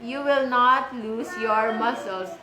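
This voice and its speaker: A woman's voice: fairly high pitch, takes it slowly, pushed and bright. A Filipino woman physician giving a live health lecture from home, explaining step by step and repeating key terms for emphasis. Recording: echoey room.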